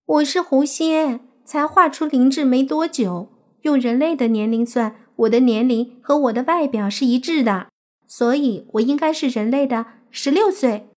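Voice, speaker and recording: Actress as a high-voiced, coaxing fox-spirit girl, teenage, sweetly whiny, for an audiobook. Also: moderate pace, lightly acted. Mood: explaining. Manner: whiny wheedling, cute pleading. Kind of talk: audiobook character acting.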